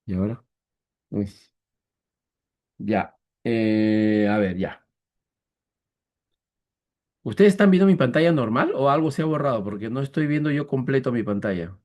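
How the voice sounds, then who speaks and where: Man, teacher, online math lesson, mellow voice, patient, slow step-by-step, checks understanding often, video call. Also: mid-range voice, animated. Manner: slow, deliberate step-by-step counting.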